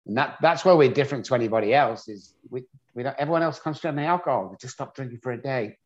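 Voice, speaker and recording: A man's voice: mid-range voice, racing. English guy telling his story, blunt and joking at himself, kinda muffled audio. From England. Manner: candid, self-deprecating storyteller. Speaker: guest. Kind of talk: storytelling interview. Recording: dull lo-fi audio.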